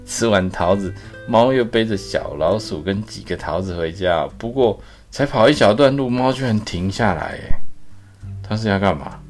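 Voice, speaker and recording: Dad reading a bedtime picture book, gentle and chatty, quiet guitar in the background. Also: male voice, on the low side, moderate pace. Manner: gentle, chatty, asks the child questions. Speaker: storyteller reading to a child.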